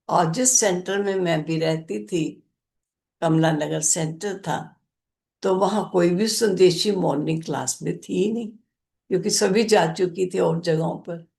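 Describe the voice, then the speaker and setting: An older woman, a spiritual teacher, gently recounting a personal experience in a spiritual discourse. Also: lowish voice, unhurried, vocal fry.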